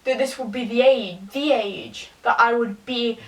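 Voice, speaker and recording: A young woman, tipsy, giving a rambling, halting confessional rant to a camera some distance away. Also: a little high. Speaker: vlogger. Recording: distant from the mic.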